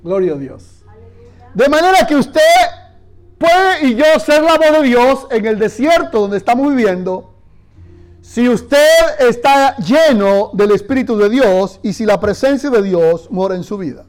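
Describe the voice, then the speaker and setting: A male pastor delivers a sermon in a strikingly high voice. He tells stories and speaks directly to his church, leading them in call-and-response. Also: lively intonation, unhurried. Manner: leads the congregation in call-and-response; storytelling, addressing the church directly.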